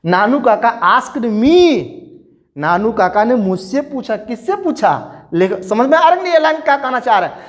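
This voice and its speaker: A male teacher walks students through an English story, mixing languages as he goes. His pitch leaps and falls as he acts out the dialogue, and his delivery stays unhurried. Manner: animated, acts out dialogue with rising questions and exclamations. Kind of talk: bilingual literature lesson, explaining a story line by line.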